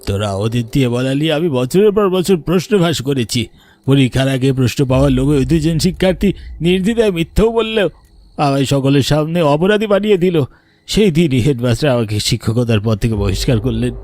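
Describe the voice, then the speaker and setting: In a cartoon, a man voices the vengeful ghost of a murdered village teacher, sounding menacing, bitter and accusing. His natural, medium-pitched voice is expressive, fast and darkish, captured in a dry recording.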